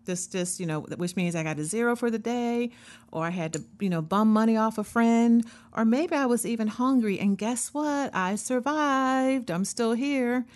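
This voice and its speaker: This therapist and podcast host, a woman in her fifties, gives a reflective solo talk, earnest and conversational, with many asides along the way. Her voice is a little high and a little mellow, at a moderate pace.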